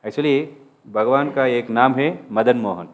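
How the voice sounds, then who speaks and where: A man's voice: mid-range voice, takes it slowly. A man giving a sermon as a casual story, acting out the lines of its figures and mixing English words into his speech. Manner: mixes English words into Hindi. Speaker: preacher telling a devotional story.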